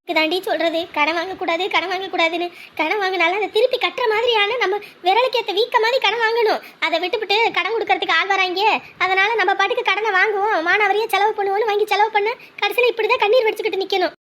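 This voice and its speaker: A scolding, weary mother in a family drama, played by a woman. Her voice sits very high and she talks sternly. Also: steady tone, fast, a bit bright. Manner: scolding, then soothing. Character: weary mother lecturing her indebted grown daughter. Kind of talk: family web drama acting.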